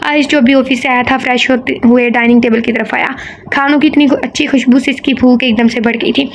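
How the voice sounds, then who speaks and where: Brief: woman narrator, high voice, steady storytelling, faint hiss underneath. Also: brisk. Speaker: audio novel narrator. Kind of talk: scripted narration.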